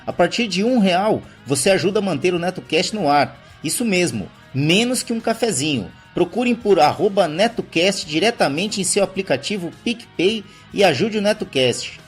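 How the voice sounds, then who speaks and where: A man's voice: high-pitched, lively intonation, normal speed, hardly any pauses, soft background music. A man with a Brazilian accent giving informal announcements as a podcast host.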